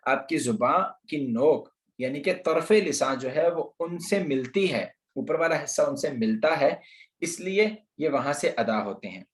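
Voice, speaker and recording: A man's voice: on the high side, animated, measured pace. A man teaching Quran pronunciation in an online lesson, patiently explaining and repeating letter sounds for practice. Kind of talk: slow online tajweed lesson. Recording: roomy echo.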